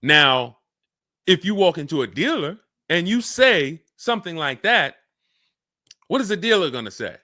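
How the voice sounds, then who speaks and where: A man hosting a live car-buying Q&A stream, talking fast and energetic and acting out buyers and salesmen in quick asides. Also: fairly high pitch, no room sound, clean studio sound. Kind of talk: live-stream Q&A, casual and animated.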